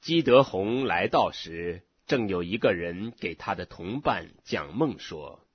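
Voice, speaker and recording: A low-voiced man reads scripture slowly and deliberately, his husky voice rising and falling in lively swings of pitch. The recording is dry and close, with a dull lo-fi sound. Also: dry recording. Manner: slow, measured reading. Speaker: scripture reader. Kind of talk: scripture reading.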